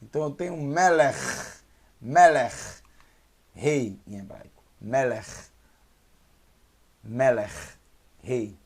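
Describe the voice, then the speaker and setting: Man, Hebrew teacher, slow deliberate pace, gravelly husky voice, repeats syllables. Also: mid-range voice, animated. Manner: patient, repeats syllables slowly and drills pronunciation. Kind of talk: online language lesson.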